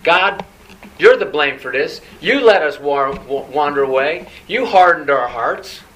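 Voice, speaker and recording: A preacher putting on a whining, spoiled voice blaming God. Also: male voice, on the high side, lively intonation, a little slow, a bit bright, low-quality recording. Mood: whining, accusing. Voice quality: whiny, accusing.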